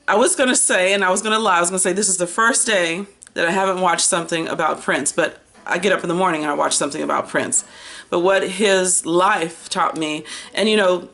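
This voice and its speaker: Talking to camera, this American woman in her fifties runs a book vlog in a chatty, animated way. Her voice is fairly low, and she wanders onto tangents and draws out words for emphasis in casual, rambling talk.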